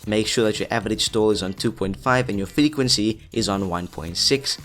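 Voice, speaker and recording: Hosting an effects tutorial channel, a man narrates an upbeat, scripted tutorial, chatting directly to viewers and calling them "guys." His voice sits on the low side, fairly bright, and a little fast. Background music plays underneath.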